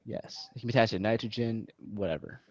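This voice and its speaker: A man's voice: lowish voice, fast, a little mellow, no echo. Young man, student tutor, casual joking delivery, self-deprecating, dry sound, muffled video call audio. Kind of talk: casual study-session teaching.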